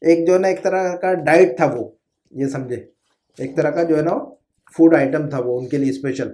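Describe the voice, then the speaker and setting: A man with a fairly high but dark, mellow voice, teaching Arabic vocabulary in a live lesson. He speaks patiently and drills each word with his students. He corrects mistakes gently and keeps the lesson moving. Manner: often says "jo hai na". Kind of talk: live online language lesson.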